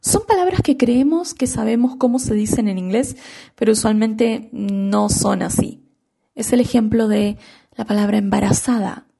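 A woman giving a scripted radio lesson as an English teacher, slowing down to spell out example words. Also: a little high, creaky, mellow, husky.

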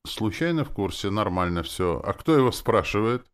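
A man's voice: on the low side, expressive, normal speed, clean tone, pitched above the performer's own voice, natural voice. A man voicing a grumbling middle-aged cart driver from the outskirts. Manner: grumbling, later fawning.

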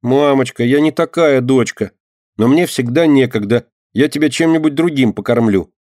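A man voices a lively, stubborn little girl for an audiobook, his voice raised and eager and pitched above his own yet still close to an everyday voice. He speaks in a mid-range voice at a moderate pace, and the recording is dry with clean studio sound.

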